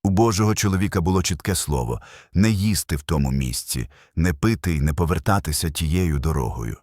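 A man's voice: deep voice, animated, fairly quick, a little mellow, no echo, clean studio sound. A man delivering a scripted sermon narration as a preacher, solemn and emphatic, building with short repeated phrases.

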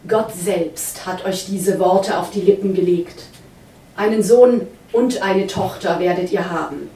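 A woman's voice: fairly low pitch, a little slow, dark tone. Brief: sly, mock-solemn male trickster, read by a woman, roomy hall, mic far off. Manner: mock-solemn, wheedling storyteller. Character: sly wandering male trickster posing as heavenly messenger.

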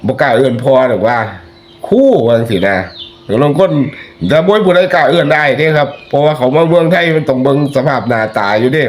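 A man's voice: medium pitch, lively intonation, fast talker, a little hiss or hum. A man with an Isan accent giving chatty, folksy spoken commentary that turns into preachy warnings to his listeners. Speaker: online commentator.

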